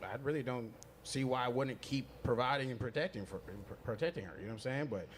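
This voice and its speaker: A man's voice: medium pitch, fast talker, a little hiss or hum. A man around thirty with a Los Angeles accent on a casual panel debate, speaking in slang and filling his talk with "you know what I'm saying". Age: 30s. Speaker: podcast panel guest.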